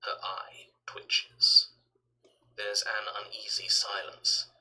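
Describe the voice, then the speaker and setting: An ominous male video game narrator. His delivery is measured and theatrical, with a very bright, tense edge suited to grisly storytelling. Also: on the low side, completely flat delivery, in a whisper, heavily acted, low-quality recording. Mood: ominous, grave.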